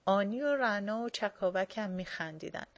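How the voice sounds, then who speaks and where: A woman's voice: medium pitch, lively intonation, lo-fi sound. Woman reading a casual story. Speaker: reader. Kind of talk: reading a first-person short story aloud.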